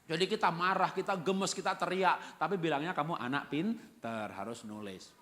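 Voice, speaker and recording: A man's voice: on the high side, normal speed, a bit bright. A male pastor preaching a sermon in a church, speaking in a folksy way and asking his listeners questions.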